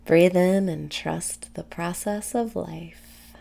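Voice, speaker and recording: A young woman leading a guided meditation in a soft, soothing, breathy way, leaving pauses between phrases. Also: on the low side. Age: young adult. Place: small room indoors.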